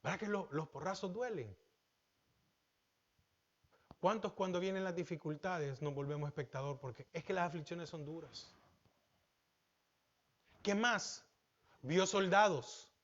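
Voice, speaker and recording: Salvadoran male pastor, high voice, sermon on a dull lo-fi recording, questions to the pews. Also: a little slow, pauses often, a bit bright. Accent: Salvadoran Spanish. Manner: preaching with questions to the congregation, rising emphatic then dropping low.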